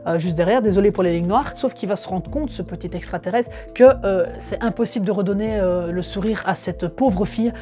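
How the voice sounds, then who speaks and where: Enthusiastic young man, mellow voice. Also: high voice, brisk, few pauses, soft background music. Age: 20s. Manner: enthusiastic, frequent hesitations. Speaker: manga collector vlogger. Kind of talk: casual haul video. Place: room at home among his collection.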